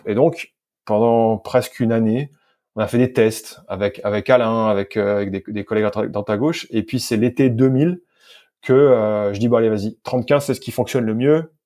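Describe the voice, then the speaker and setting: Here a man from France, guesting on a podcast, describes his work as a sports scientist and physical coach in a warm, medium-pitched voice. The interview feels casual, and his informal phrasing includes repetitions and self-corrections.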